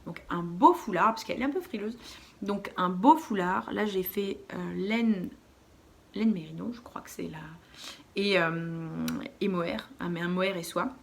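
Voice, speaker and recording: A woman's voice: fairly low pitch, a little slow, creaky. Young woman, chatty podcast host, loose and rambling delivery. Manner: chatty, rambling, with frequent fillers and restarts. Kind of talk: casual chat. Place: dark room at home.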